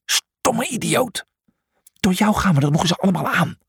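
A man's voice: fairly high pitch, lively intonation, moderate pace, vocal fry, husky, no room sound, voice pushed up, exaggerated voice. A man voicing an anxious, bossy young male donkey who scolds in a hissing voice. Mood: scolding.

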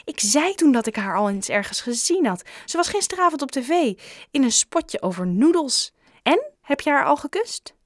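A woman voicing a kind, gentle grown-up shopkeeper in an audiobook, coaxing and caring. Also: high-pitched, normal speed, dry recording, studio quality, voice pushed up. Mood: cheerful. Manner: gentle, coaxing, sometimes lively. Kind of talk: audiobook character reading.

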